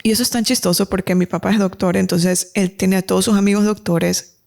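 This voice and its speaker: A woman from Ecuador telling her life story as a podcast guest, animated and laughing often, acting out what people said to her. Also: a little fast, creaky. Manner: animated, acts out quoted dialogue in a much higher voice, laughs often. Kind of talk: casual personal storytelling.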